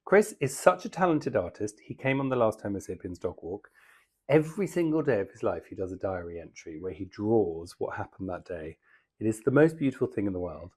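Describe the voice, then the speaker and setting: Podcast host, man, lowish voice, chatty and animated while reading listener letters. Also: brisk, breathy edge. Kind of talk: casual chat reading listener mail.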